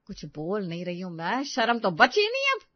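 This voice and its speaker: Cartoon role: a woman playing a stern scolding mother-in-law, loud and sharp, dry close sound. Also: medium pitch, huge pitch swings, moderate pace, dry recording. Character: strict scolding middle-aged mother-in-law. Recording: dull dry lo-fi recording.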